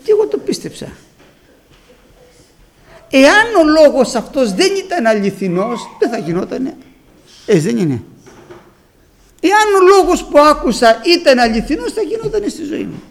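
Fervent older male preacher, gravelly voice. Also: very high voice, sing-song, long pauses. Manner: fervent, repeats phrases, often calls out to the congregation as brothers. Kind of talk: Pentecostal sermon with personal testimony.

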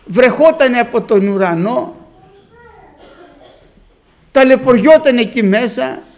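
A man preaching a sermon, telling stories and acting out the people he quotes. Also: very high-pitched. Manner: storytelling, lively retelling with acted quotes.

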